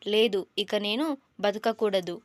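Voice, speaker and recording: A woman's voice: mid-range voice, fairly even intonation, measured pace, no echo, natural voice. A woman voicing a dramatic young female student who whines and pleads tearfully in a storybook. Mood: melodramatic whining. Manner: whiny, melodramatic pleading.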